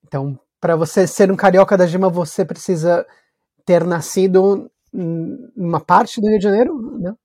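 Paulista man hosting, mellow voice. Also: high voice, moderate pace, breathy edge. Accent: Paulistano Brazilian Portuguese. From São Paulo, Brazil. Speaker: podcast host. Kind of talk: casual chat for language learners.

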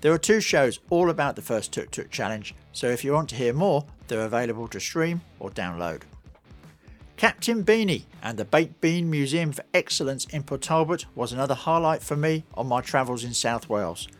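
A man's voice: medium pitch, expressive, moderate pace, soft background music. A man narrating scripted travel stories as a podcast host.

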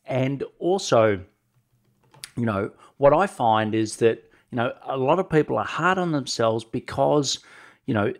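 Talking straight to his audience at a measured pace, a middle-aged sales coach hosting a solo podcast offers advice in an expressive, medium-pitched voice made nasal by a head cold. He often tags his points with short questions such as "right?"

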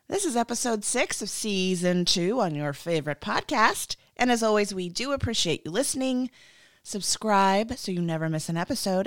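A woman's voice: fairly low pitch, dry recording, studio quality. A woman in her thirties hosting a casual solo podcast, chatty, joking and self-mocking. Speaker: podcast host.

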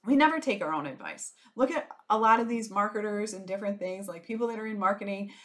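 A woman hosting a business podcast on her own, talking casually and frankly, with lots of fillers and quick laughs. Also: medium pitch. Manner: chatty, frank, laughs easily, many fillers. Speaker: podcast host, business strategist. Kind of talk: casual solo podcast monologue.

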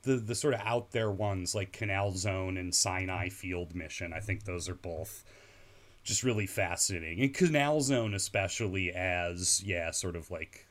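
A man's voice: deep voice, moderate pace. A man talking casually as a guest about films, retelling scenes and mimicking the people in them. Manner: animated storyteller, acts out quoted people. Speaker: podcast guest. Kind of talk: casual film discussion.

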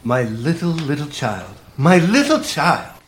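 A man playing a meek, tender, humble clerk in a live radio play, soft-hearted and apologetic. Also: fairly high pitch, wildly swooping pitch, measured pace, a little hiss or hum. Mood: tender grief.

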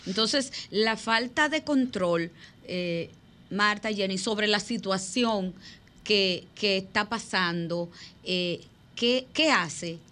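A woman hosts a radio discussion at a slow, deliberate pace. Her voice is bright, and she asks questions with thoughtful pauses. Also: medium pitch. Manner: measured, questioning, with thinking fillers. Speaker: radio show host. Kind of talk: radio talk show discussion.

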